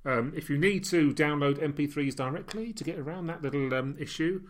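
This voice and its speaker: A man's voice: fairly high pitch, fairly quick. Playful British podcast co-host, a man. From United Kingdom. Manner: playful, grandiose joking. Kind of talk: casual podcast banter.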